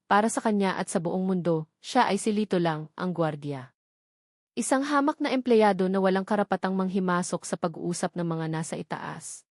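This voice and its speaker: A woman with a Filipino accent narrates a scripted dramatic story in a mid-range, slightly mellow voice. The recording is dry and clean, with studio sound.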